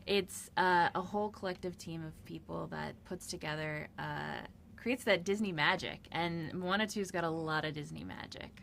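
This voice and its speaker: A woman's voice: deep voice, moderate pace, vocal fry, a bit bright, a little hiss or hum. A woman film director answering interview questions in a heartfelt, earnest way.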